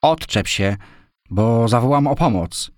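A man's voice: mid-range voice, wildly swooping pitch, very slow, dark tone, dry recording, studio quality, pitched above the performer's own voice, full character voice. A man voicing a young woman in a storybook reading, her lines cried out and pleading. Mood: frightened pleading. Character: young woman, frightened then admiring.

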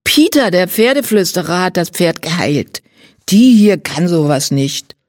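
A woman's voice: on the low side, lively intonation, measured pace, darkish tone, no room sound, clean studio sound. A woman reading a children's audiobook, voicing a jealous, sulky girl who cuts in snippily. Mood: snippy.

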